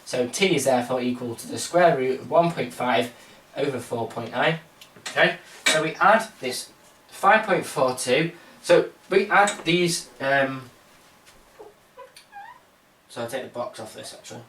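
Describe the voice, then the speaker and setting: A man's voice: medium pitch, lively intonation, unhurried, long pauses, a bit bright, slight background noise. Casual man tutoring from a distance. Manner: casual, rambling, self-mocking asides. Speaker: maths tutor. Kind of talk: informal exam walkthrough. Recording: roomy sound, mic set back.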